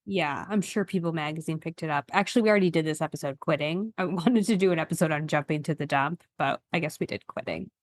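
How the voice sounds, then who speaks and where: A woman co-hosting a chatty podcast, animated and quick to laugh, with teasing, mocking asides. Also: low voice, no echo. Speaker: podcast co-host. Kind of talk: casual chat.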